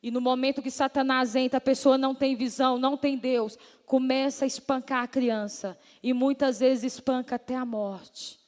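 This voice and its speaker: A woman's voice: high voice, steady tone, normal speed, few pauses, a little mellow. A woman pastor, earnestly preaching her testimony to the congregation and addressing them as brothers and sisters. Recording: long hall reverb.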